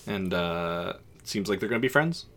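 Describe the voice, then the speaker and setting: A man's voice: low-pitched, animated, normal speed, a bit bright. A man hosting a casual podcast chat about television. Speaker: podcast host.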